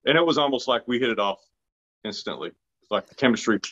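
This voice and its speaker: An actor from Arkansas talks casually as an interview guest, his medium-pitched, fairly bright voice moving quickly. He restarts often and makes self-deprecating remarks, and the recording has a dull lo-fi sound.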